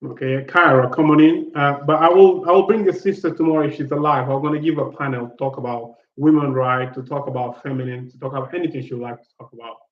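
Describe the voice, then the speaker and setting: A man hosting a live panel stream, speaking in a halting way with many fillers and repeated words. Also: mid-range voice, steady tone. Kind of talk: casual live panel chat. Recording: echoey muffled stream audio.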